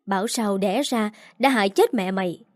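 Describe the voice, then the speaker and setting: A woman reading the part of a spiteful young aunt who scolds a child, fast and sharp. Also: mid-range voice, dry recording, clean studio sound, lightly acted. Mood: furious. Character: spiteful young stepmother-aunt, shrill and cruel.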